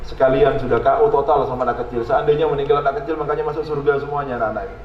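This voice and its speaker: A man's voice: medium pitch, steady tone, racing, slight background noise. A man with a Javanese-tinged Indonesian accent preaching a sermon, putting questions straight to the audience and asking for their agreement. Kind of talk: religious sermon. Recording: echoey hall, dull lo-fi sound.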